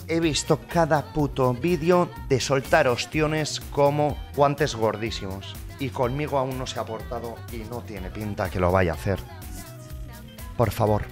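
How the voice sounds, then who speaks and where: Excitable Spanish streamer, music behind. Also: male voice, lowish voice. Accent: Spain Spanish. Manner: swearing, excitable, swings between mutters and loud cheers. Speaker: gaming streamer. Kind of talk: casual commentary while opening cases.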